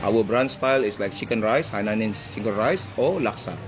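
A man who grew up in Malaysia speaks in a somewhat low voice, talking easygoing and a little halting as a head chef. He laughs easily between thoughts. Music plays clearly behind him. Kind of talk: casual interview chat.

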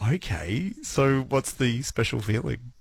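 A man's voice: mid-range voice, big pitch swings, a little slow, creaky, husky. A man hosting a radio interview, reacting with encouraging remarks. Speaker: radio host.

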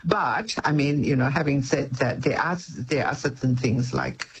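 A Malaysian man, a cooking educator and author, talks food in a radio interview with enthusiasm, vivid description, and frequent laughter. His mid-range voice is slightly rough and moves at a moderate pace.

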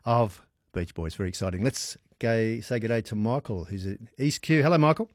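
An Australian man with a lowish voice hosts a radio quiz, chatting casually on air with callers. He's animated and fairly quick, joking and teasing and laughing often, in a dry, studio-quality recording.

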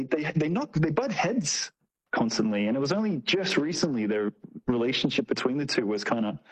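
The recording is rough, and the man's mid-range voice comes through slightly rough too. As a tour operator guest in an interview, he offers relaxed, slang-filled explanations and anecdotes, voicing short quotes as he goes.

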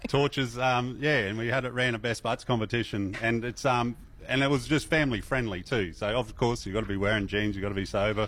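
Speaking with an Australian accent, this middle-aged festival MC is a laid-back radio interview guest who often restarts and uses plenty of fillers. He talks briskly in a mid-range voice.

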